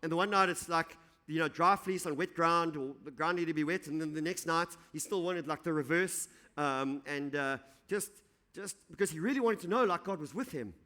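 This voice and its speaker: A man's voice: fairly high pitch, brisk, sharp tone. A male pastor preaching an evening sermon, reading scripture aloud and then explaining it in a conversational, encouraging way. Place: church.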